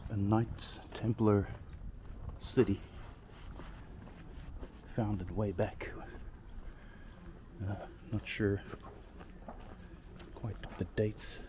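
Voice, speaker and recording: A man giving casual walking commentary outdoors on old streets, musing slowly with soft exclamations. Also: fairly low pitch, flat delivery. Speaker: vlogger walking tour guide. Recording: outdoor street noise behind.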